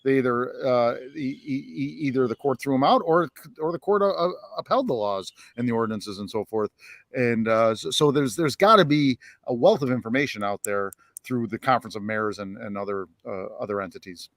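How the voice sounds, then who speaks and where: A man co-hosting a local podcast, a lawyer and former police officer, speaking in a measured, halting way with frequent restarts. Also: mid-range voice, expressive, no room sound, studio quality. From United States. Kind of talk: casual panel discussion.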